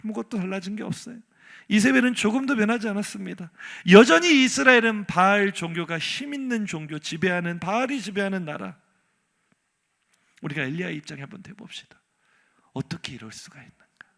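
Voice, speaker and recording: A man preaching a Sunday sermon with a high, lively voice that leaps up and down. His tone is bright and forceful, with a gravelly edge. He keeps throwing rhetorical questions at the congregation. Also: a little fast. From South Korea. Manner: animated, rhetorical questions, congregation repeats after him. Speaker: pastor. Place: church sanctuary.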